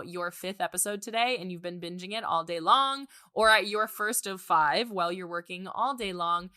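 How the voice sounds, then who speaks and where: A woman hosting a podcast in a chatty, bubbly, informal way, with a slightly raspy, nasal voice. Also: fairly low pitch, bright, forceful tone. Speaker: podcast host and business coach. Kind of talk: chatty conversational podcast intro and interview. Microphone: close podcast microphone, dry sound.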